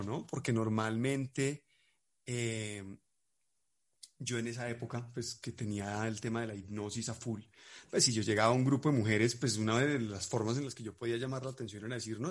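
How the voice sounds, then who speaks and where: Colombian man, young coach, casual storytelling, animated delivery, pitch jumping about as he plays the people he quotes. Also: moderate pace. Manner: animated, acts out quoted voices. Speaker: relationship coach.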